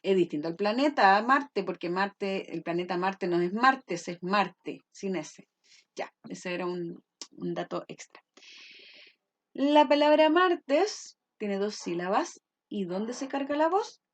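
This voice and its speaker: A woman's voice: mid-range voice, lively intonation, slow pace. A woman teacher explaining a lesson patiently, often checking that her pupils follow. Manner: patient, checks understanding with frequent "¿ya?".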